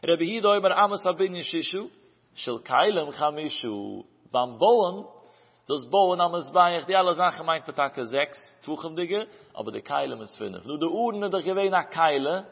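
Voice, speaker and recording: A man giving a Talmud study lesson in a chanting singsong cadence, his pitch rising and falling through each phrase. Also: lively intonation, normal speed, gravelly, husky. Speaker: Talmud teacher. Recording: muffled, dull recording with long hall reverb.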